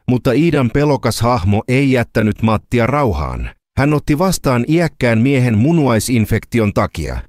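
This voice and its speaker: A man narrating a scripted dramatic story in a lively, storytelling manner. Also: medium pitch, no echo, studio quality.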